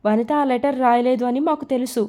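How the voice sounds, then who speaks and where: A woman's voice: high voice, fairly even intonation, a little fast, warm tone, close to an everyday voice. A woman reading the part of a mocking, stern male police officer in an audio story. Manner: taunting, scoffing interrogation.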